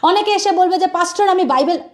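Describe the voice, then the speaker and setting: A woman's voice: very high voice, a little fast. A woman preacher giving an earnest, exhorting sermon, slipping English words into her talk.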